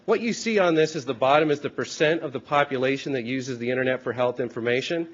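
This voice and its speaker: A man speaks at mid pitch with a hoarse voice, congested from a sinus infection. He presents to a conference in an informal, explanatory way, using rhetorical questions. The recording is a little dull and muffled. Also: fast. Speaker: research company president presenting at a hearing. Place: hearing room with an audience.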